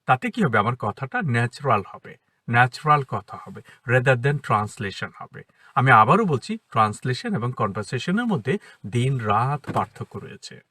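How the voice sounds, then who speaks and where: Lively, breathy man teaching from his car. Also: medium pitch, moderate pace, dry recording, far from the mic. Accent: Bengali. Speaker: English teacher, academy founder. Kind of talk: casual spoken lesson to camera. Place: inside a parked car.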